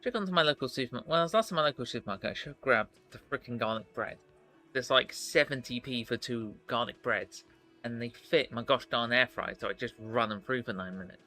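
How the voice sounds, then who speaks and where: Bright, chatty streamer. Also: male voice, medium pitch, fast talker, soft background music. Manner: chatty asides. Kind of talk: casual game-stream commentary.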